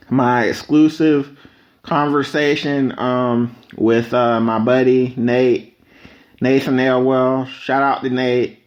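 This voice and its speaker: A man talking casually and unscripted as a solo podcast host, with rambling conversational asides. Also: mid-range voice. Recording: slightly dull, lo-fi microphone audio.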